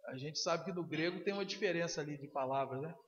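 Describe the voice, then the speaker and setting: A man's voice: on the high side, quick pace, a little hiss or hum. A man preaching a sermon to his congregation, dramatically acting out quoted dialogue and often asking for agreement. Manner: dramatic storytelling, acting out quoted dialogue with big swings in loudness; asks the congregation for agreement with frequent "né?". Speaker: pastor. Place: church sanctuary. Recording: muffled recording in an echoey hall.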